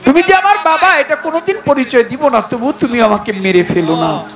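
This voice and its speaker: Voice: high-pitched, lively intonation, brisk, over music. A folk ballad performer voicing a young girl tearfully begging her father for her life, with instruments behind. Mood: pleading.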